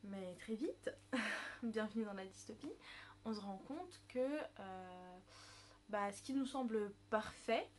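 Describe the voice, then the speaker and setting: A woman's voice: mid-range voice, slow pace, a little hiss or hum. A woman, presenting a book review on her vlog in a chatty way, with many fillers and self-corrections. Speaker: book vlogger.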